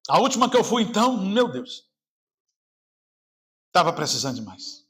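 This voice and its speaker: High-voiced Brazilian pastor preaching. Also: male voice, very animated, moderate pace. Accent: Brazilian Portuguese. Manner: swings between shouting and quiet, lowered delivery. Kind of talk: sermon. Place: church service.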